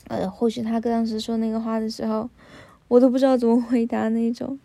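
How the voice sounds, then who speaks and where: A woman's voice: on the high side, little pitch movement, fairly quick, creaky, warm tone. A woman, telling family stories in a casual chat and often asking the listener if they follow. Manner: chatty, often asks the listener "you know?".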